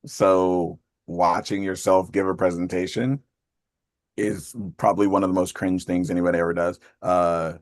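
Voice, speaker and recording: Deep-voiced man hosting a group call. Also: level tone, no room sound, clean studio sound. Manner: talks fast, laughs often. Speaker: call host. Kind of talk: casual group call chat. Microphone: video call.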